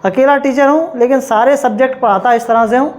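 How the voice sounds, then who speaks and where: A man's voice: very high-pitched, brisk, low-quality recording. A male teacher giving a classroom lecture, sure of himself and emphatic, often checking in with his students. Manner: emphatic, keeps asking "ठीक है?" to check with students; self-assured, insists others taught it wrong.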